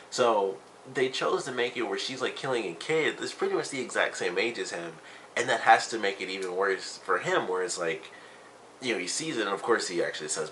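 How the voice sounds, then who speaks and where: A man's voice: sits low, bright, forceful tone, slight background noise, rough recording. A man giving a casual spoken review of a TV episode, rambling and filling his talk with "you know" and "like".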